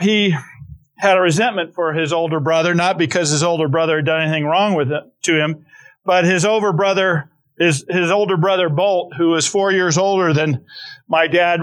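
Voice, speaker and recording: A man's voice: on the high side, fairly bright tone. A middle-aged man preaching a conversational sermon, telling stories with frequent restarts and asides. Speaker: pastor.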